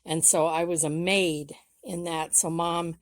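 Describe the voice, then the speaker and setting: A woman's voice: on the low side, fairly even intonation, unhurried, no room sound. A middle-aged woman talking casually about her old costumes at home, chatty and rambling with frequent restarts. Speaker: vlogger.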